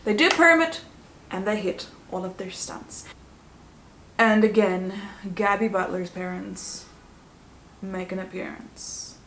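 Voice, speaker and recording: A woman's voice: mid-range voice, takes it slowly, long pauses, a bit bright, slight background noise. A woman vlogger giving a casual, chatty review with sarcastic asides. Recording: roomy echo.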